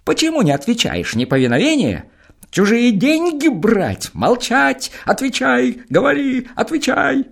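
A man voicing a furious, bullying gendarme who barks questions in a shrill, piercing voice. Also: sing-song, a little slow, gravelly, full character voice. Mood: raging. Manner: shrill barked interrogation.

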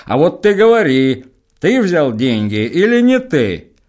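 A man voicing a stern, hot-tempered village elder who demands answers loudly and slowly. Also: medium pitch, big pitch swings. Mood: demanding. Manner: loud, slow, demanding.

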